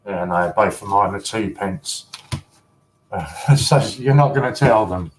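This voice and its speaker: A man's voice: fairly low pitch, lively intonation, measured pace, a little hiss or hum, poor audio. Giggly man chatting on a livestream. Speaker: collector livestream host. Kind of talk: casual livestream chat.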